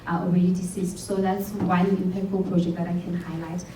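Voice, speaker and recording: Her voice is fairly low and dark, with little pitch movement and a fairly quick pace. She is a young South African woman, a program alumna speaking earnestly at a showcase about what she learned, with occasional restarts. Captured from far off in a roomy event hall, the audio carries a faint hum.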